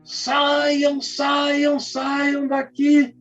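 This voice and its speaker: A man voicing a huge, domineering American missionary who shouts orders with self-righteous certainty, in a dull recording with faint music. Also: fairly high pitch, animated, measured pace, breathy edge, full character voice. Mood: shouting angrily.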